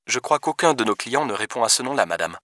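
A man voicing a polite young female hotel receptionist who speaks softly and formally. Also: mid-range voice, animated, quick pace, no room sound, voice pushed up. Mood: courteous. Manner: soft, formal, courteous.

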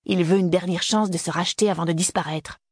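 The reader plays a restless young student who presses his case and pleads. The voice is husky with a gravelly edge, and the recording is dry and close. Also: medium pitch, steady tone, fast talker, no echo. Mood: pleading. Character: young man, restless university student son. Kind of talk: audiobook character reading.

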